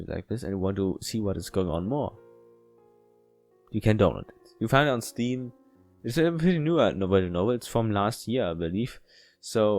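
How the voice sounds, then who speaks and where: Reading a visual novel out loud with casual asides, this male let's player speaks in a lower register with a darkish tone. His reading is halting, full of stumbles and repeated words, and light plucked guitar music sits under his voice.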